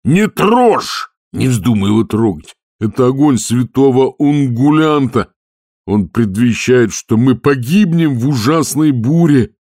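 Man doing a shrill panicky ship skipper. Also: animated, a little slow, dry recording, clean studio sound. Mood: frantic. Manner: frantic yelling. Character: panicky superstitious middle-aged ship skipper.

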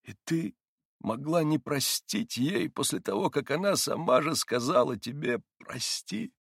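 A man reading the part of a desperate young man, speaking in halting phrases and pausing for breath. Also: mid-range voice, lively intonation, a bit bright, slightly rough, no room sound, clean studio sound, pitched above the performer's own voice, heavily acted. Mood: despairing.

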